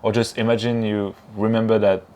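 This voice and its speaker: A man's voice: lowish voice, little pitch movement, a little fast, dark tone. A man with a French accent, a native French speaker, talking as a guest in a casual interview, friendly with simple phrasing. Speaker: guest, YouTuber.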